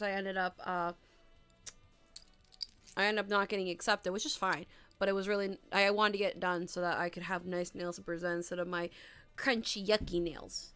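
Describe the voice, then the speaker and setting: A woman's voice: lowish voice, fairly bright tone, clean tone. A woman around thirty chatting casually on a live stream and giving tarot readings, with an upbeat, rambling way of talking and a voice strained after losing it. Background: faint music.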